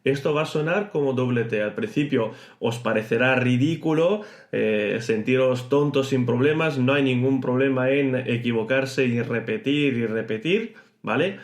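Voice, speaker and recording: Man teaching Italian in an echoey room. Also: mid-range voice. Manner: explanatory, slows to exaggerate pronunciation. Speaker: podcast host teaching Italian. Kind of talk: podcast language lesson. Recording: roomy echo.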